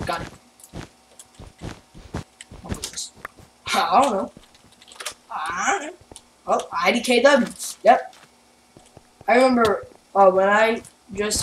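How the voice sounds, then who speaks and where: Excitable woman chatting through a game. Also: medium pitch. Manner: chatty and excitable, jumping between loud outbursts and mumbled asides. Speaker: gaming channel host. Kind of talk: casual gameplay commentary. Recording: roomy, distant mic with loud background noise and keyboard clicks.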